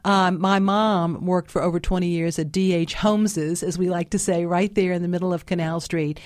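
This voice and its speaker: New lady in her 50s, lowish voice, dry close sound, lots of ums and restarts. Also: fairly even intonation, moderate pace, darkish tone, dry recording. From New Orleans. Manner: chatty, many fillers and restarts. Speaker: guest author. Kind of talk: casual interview chat.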